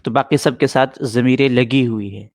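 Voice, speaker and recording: A man's voice: medium pitch, steady tone, darkish tone, no echo, studio quality. A middle-aged man teaching an Arabic grammar lesson in a patient way, repeating points and answering students' questions.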